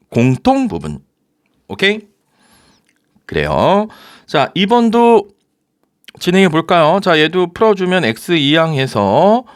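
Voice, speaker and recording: A man teaching a recorded high-school math lecture, talking students through each step and often checking with rhetorical questions. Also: clear, resonant tone, no echo, studio quality. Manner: lively, coaxing, asks rhetorical questions.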